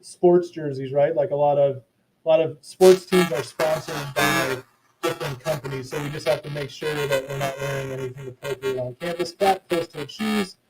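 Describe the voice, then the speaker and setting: Man with robotic low-sample-rate audio. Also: moderate pace, music in the background, rough recording. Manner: casual, chatty, many fillers and restarts. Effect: robotic, garbled low-sample-rate audio. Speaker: school principal. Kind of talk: live online presentation to parents. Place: hot indoor office.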